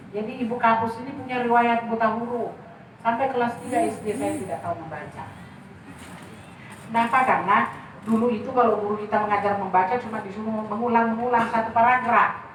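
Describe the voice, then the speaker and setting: Expressive middle-aged woman telling stories in an echoey room. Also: fairly high pitch, recorded from a distance, a little hiss or hum. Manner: lively, expressive, addresses the listener as "Pak". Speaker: author and speaker. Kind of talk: personal storytelling.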